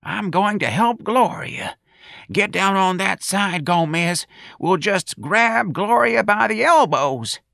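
A man's voice: high voice, animated, slow, creaky, bright, forceful tone, no room sound, clean studio sound, pitched above the performer's own voice, full character voice. A man voicing a frail, confused elderly office woman who speaks in a quavering, wheezing way. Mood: fussing.

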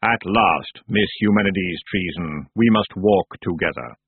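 A man voicing Death, a tall hooded spirit who speaks slowly, gravely and without tone. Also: low-pitched, no room sound, heavily acted. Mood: solemn. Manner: slow, grave and toneless. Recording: tinny phone-like, dry sound.

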